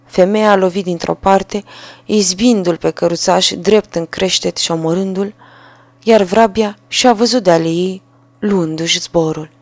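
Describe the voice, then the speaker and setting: A woman reading a fairy tale aloud as storyteller, calm and measured. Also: lowish voice, no room sound.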